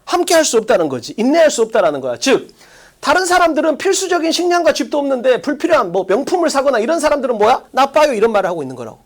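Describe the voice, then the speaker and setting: With a high, sing-song voice, an English exam-prep teacher lectures online, casually coaching the class through quick rhetorical questions.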